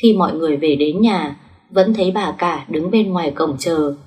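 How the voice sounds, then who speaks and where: A woman's voice: low voice, moderate pace, darkish tone, distant mic. A woman narrating a story in the first person, reading the dialogue with small shifts of voice.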